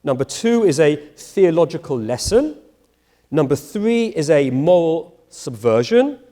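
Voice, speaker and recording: A middle-aged man gives a university lecture as a rabbi, swinging his pitch widely as he acts out each exchange. His voice is mellow and fairly high for a man. It rings with the long reverb of a large chapel. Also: unhurried. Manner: animated, acts out dialogue in voices. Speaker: rabbi giving a public lecture.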